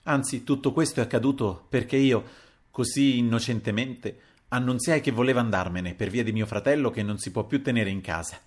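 A man reading aloud, voicing a distraught scheming man who pleads in halting, broken phrases while near tears. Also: medium pitch, husky, close to an everyday voice. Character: distraught scheming man, weeping, self-pitying.

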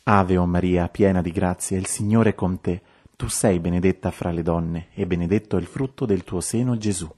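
A man with a very low voice recites the rosary in steady, measured turns. His delivery is calm and devotional.

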